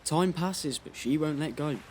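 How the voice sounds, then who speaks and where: A man's voice: a little high, a little slow, darkish tone, a little hiss or hum, natural voice. A young actor playing a blunt, brooding but brave teenage boy in an audio play. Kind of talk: youth theatre audio play.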